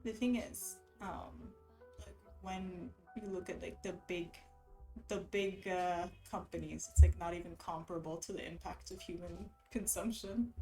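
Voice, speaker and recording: A woman's voice: fairly low pitch, steady tone, measured pace, mellow, faint music behind. A woman livestreaming in casual chat, reading out and answering viewers' comments, of Palestinian origin. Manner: chatty, reads and answers chat aloud.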